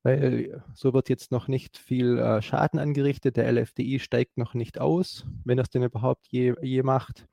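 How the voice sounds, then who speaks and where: A man's voice: medium pitch, little pitch movement, normal speed, vocal fry, few pauses, warm tone, no room sound. A man giving a hesitant, explanatory talk, full of fillers and restarts.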